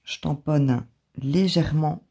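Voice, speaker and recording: A woman with an accent of her own in French, calmly talking through a craft tutorial step by step as the channel's host. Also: low-pitched, slow, gravelly, very noisy. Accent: non-native or regional French accent. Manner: calm step-by-step explaining.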